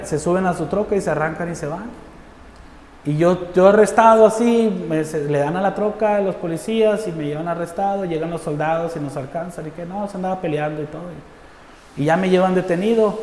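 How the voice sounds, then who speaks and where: A man with a northern Mexican accent tells his conversion testimony in an earnest, story-driven way, acting out the voices of the people involved. His voice sits a little higher than most men's. The recording rings with long reverb in a big room, and faint noise runs underneath. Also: darkish tone. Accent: northern Mexican Spanish. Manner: earnest storytelling that acts out quoted dialogue. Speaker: testimony speaker. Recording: roomy hall reverb with faint background noise.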